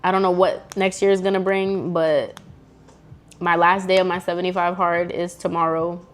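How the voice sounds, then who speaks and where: A woman's voice: lowish voice, flat delivery, moderate pace. A woman speaking to camera in an earnest, emotional personal faith testimony, casual and full of slang. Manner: earnest, fervent, casual slang-filled talk. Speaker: vlogger sharing a faith testimony. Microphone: camera mic.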